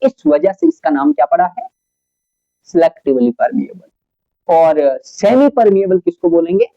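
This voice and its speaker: A man's voice: high voice, wildly swooping pitch, measured pace, creaky, dry recording, muffled recording. A man giving a biology lecture at a board, asking his students questions and answering them himself, mixing English terms into his explanation. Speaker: biology teacher. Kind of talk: classroom lecture at a whiteboard.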